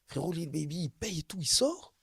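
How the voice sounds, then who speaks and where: With a brisk pace, vocal fry, and a slightly rough, somewhat high voice, a young Brussels man spins a wild story in casual conversation. He's animated, slangy, and repetitive for emphasis. The sound is close and dry, with no echo.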